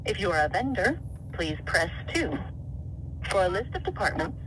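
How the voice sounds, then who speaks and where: A woman's recorded phone menu message, reading options in a measured announcing voice over the line. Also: on the low side, big pitch swings. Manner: measured, evenly paced announcing. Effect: recorded phone menu message heard over the line. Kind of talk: scripted phone menu prompts. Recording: loud noisy phone line.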